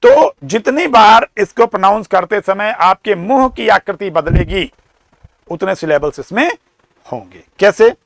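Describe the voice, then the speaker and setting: A man with an Indian accent giving a classroom lecture, explaining slowly, repeating and sounding out words. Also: sits high, animated, vocal fry, dry recording. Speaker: teacher.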